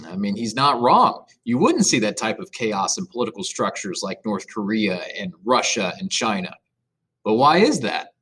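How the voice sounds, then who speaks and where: A man's voice: lowish voice, big pitch swings, normal speed, bright, forceful tone, slightly rough. A man teaching a government class in a casual, jokey, conversational way. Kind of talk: classroom lecture video narration.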